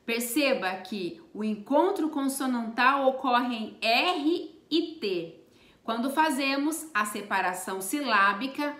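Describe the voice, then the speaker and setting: A woman's voice: high-pitched, a bit bright, roomy sound. A woman teaching a Portuguese grammar lesson, spelling out letters and stressing each example word. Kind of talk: slow, deliberate grammar lesson.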